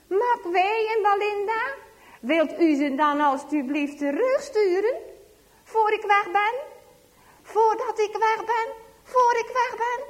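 A woman's voice: very high voice, steady tone, very slow, long pauses, mellow, big-room sound, voice pushed up, heavily acted. A woman voicing a frightened young village girl who pleads and prays in a trembling, tearful voice. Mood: pleading, tearful.

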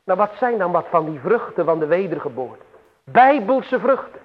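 A man preaching a sermon slowly and solemnly, with emphatic swells and long pauses. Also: sits high, sing-song. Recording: tinny phone-like radio broadcast with long hall reverb.

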